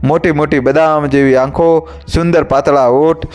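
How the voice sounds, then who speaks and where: Dramatic male storyteller, rather high voice. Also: steady tone, normal speed, a little mellow. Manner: dramatic and emphatic. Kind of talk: dramatic scripted narration.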